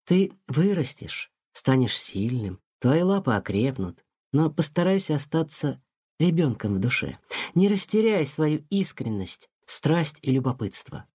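A man voicing a wise, gentle mother cat who speaks softly and soothingly. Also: fairly high pitch, big pitch swings, unhurried, breathy edge, no room sound, studio quality, exaggerated voice. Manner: soft, soothing and tender. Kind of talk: audiobook character voice.

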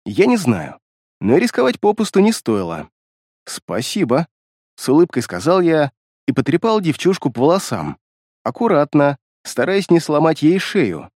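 A man's voice: fairly high pitch, wildly swooping pitch, moderate pace, a little mellow, no echo. A man narrating a first-person fantasy audiobook expressively, reading close to the mic.

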